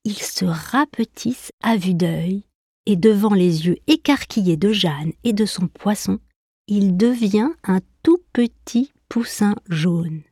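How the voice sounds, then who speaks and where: A woman's voice: slow pace, a little mellow, slightly rough, no room sound, studio quality. A woman narrating a children's story in a playful way, breaking into animal sounds. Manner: playful, imitates animal sounds with high squeaks.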